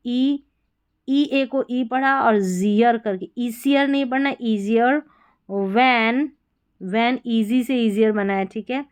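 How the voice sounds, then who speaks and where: Slow, clear woman teaching English reading. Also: on the high side, darkish tone. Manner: spells words letter by letter, then sounds them out. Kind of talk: slow word-by-word reading lesson. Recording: slightly dull lo-fi recording.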